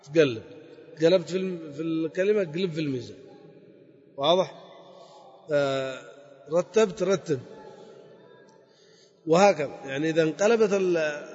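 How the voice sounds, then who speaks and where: A man's voice: a little high, a little mellow, husky. A man teaching a grammar lesson, explaining step by step and repeating key words. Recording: dull lo-fi recording with long hall reverb.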